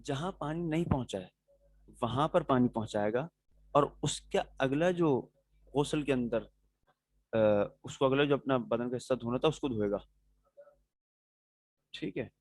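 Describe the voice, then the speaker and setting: A man's voice: medium pitch, pauses often, no echo, rough recording. A male religious teacher giving a classroom lecture on religious rulings. He explains step by step, answers his students' questions directly and keeps checking that they follow.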